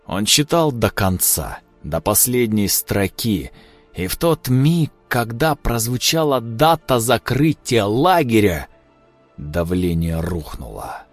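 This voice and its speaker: A man narrating an audiobook in a measured, dramatic storytelling manner. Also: on the low side, big pitch swings, faint music behind.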